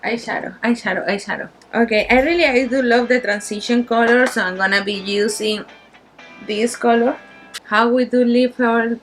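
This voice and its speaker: Giggly drunk high-voiced woman with Spanish accent. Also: steady tone, normal speed, faint music behind, low-quality recording. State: tipsy from shots. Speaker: makeup tutorial host. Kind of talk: casual tipsy makeup tutorial.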